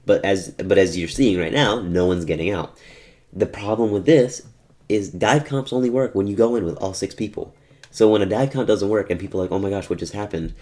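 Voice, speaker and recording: Narrating over his own match footage, a male gaming tutorial host speaks briskly in a fairly low, slightly mellow voice. His commentary is casual and wandering, with frequent self-corrections as he explains.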